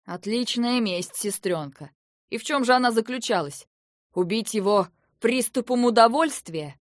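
A woman's voice: fairly high pitch, expressive, moderate pace, dry recording, clean studio sound, close to an everyday voice. Woman voicing a weary stern prince. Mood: angry. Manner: firm, reasoning, pleading. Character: young male prince, weary stern older brother. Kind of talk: audiobook character reading.

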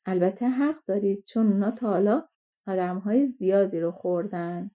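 A woman voicing a boastful, scornful yellow dwarf man in a fairy-tale audiobook. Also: medium pitch, lightly acted. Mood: mocking. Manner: mocking, self-satisfied.

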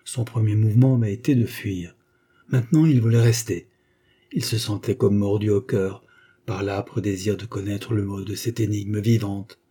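A male narrator reads a classic novel with a measured, dramatic delivery. His voice sits low, with a dark, mellow timbre and a husky grain. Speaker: audiobook narrator.

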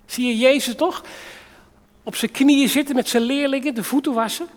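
A man preaching a sermon dramatically, acting out quotes with sudden shifts between soft and loud. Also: very high voice, fairly even intonation, moderate pace. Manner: dramatic, with acted-out quotes and big swings in loudness. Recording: long reverb of a large hall.

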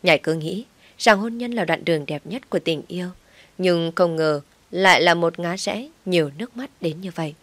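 A woman narrating a family drama as an audiobook in a steady, emotive way. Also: fairly low pitch, moderate pace, no room sound. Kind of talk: audiobook story reading.

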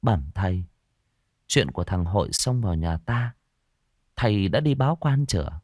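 A man voicing a calm middle-aged village wise woman who speaks politely and soothingly, in a told ghost story. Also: deep voice, moderate pace, no echo, clean studio sound. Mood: quiet, polite.

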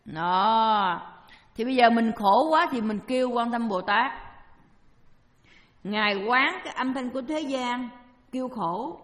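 A woman's voice: on the high side, unhurried, pauses often, a bit bright. A woman giving a Buddhist dharma talk, asking her listeners questions and answering them herself with homely everyday examples. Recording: long hall reverb.

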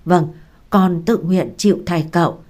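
A woman's voice: lowish voice, a little slow, dark tone. A woman reading the part of a loyal young male servant who pleads with his mistress. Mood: pleading.

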